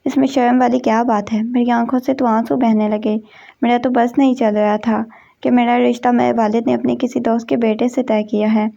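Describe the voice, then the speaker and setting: Woman reading a first-person story, a bit high, very flat delivery, muffled lo-fi sound. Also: creaky. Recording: dull lo-fi recording.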